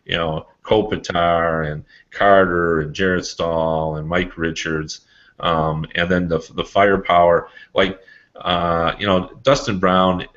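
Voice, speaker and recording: Deep voiced dude talking sports on a podcast, loose halting phrasing, lo-fi audio. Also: male voice, a bit bright. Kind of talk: casual hockey discussion. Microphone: remote online call. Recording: dull lo-fi online call audio.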